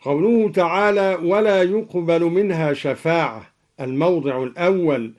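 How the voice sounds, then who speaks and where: A man explaining recitation variants in a measured, deliberate way, slowly intoning each verse he quotes as an example. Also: fairly high pitch, darkish tone. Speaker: Quran reading scholar. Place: radio studio.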